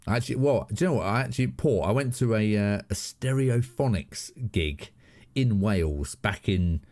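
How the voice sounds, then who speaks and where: Chatty southern English man, low voice. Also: animated, normal speed, darkish tone. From southern England. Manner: rambling, chatty, laughs often, many restarts. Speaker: live stream host. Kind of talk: casual live stream chat. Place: home studio room.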